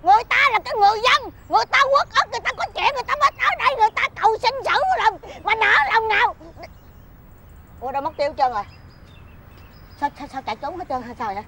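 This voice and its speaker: An actress playing a loud, wailing old village woman in a folk tale TV drama. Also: lively intonation, very fast, slight background noise, exaggerated voice. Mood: indignant. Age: older. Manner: shrill, scolding, wailing pleas.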